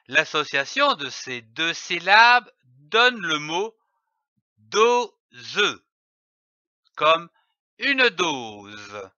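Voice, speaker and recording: A man teaching children to read, sounding out each syllable with very slow, deliberate care. His voice is bright and lively in pitch. The recording is dry and a little dull, like a lo-fi voice-over. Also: no echo. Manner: spells out letters and syllables carefully. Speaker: reading teacher. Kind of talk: slow, deliberate phonics lesson.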